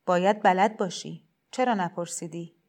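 A woman voicing a gentle, persuasive male shrine cleric in a storybook reading, speaking in a heavy, soft, kindly insistent way. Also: on the low side, close to an everyday voice. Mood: coaxing.

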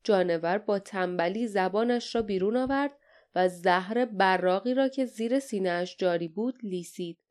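A woman narrating an adventure audiobook with steady, dramatic storytelling. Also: medium pitch. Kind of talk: scripted narration.

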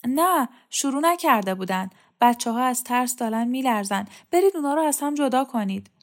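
A woman doing a shy earnest young girl, worried, high voice, storybook reading. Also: animated. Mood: anxious.

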